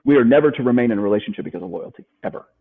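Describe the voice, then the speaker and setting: Racing along with lively intonation, a medium-pitched man speaks over a tinny, phone-like connection. He's a life coach guest in an interview, emphatic and motivating, repeating his main points and firing off rhetorical questions.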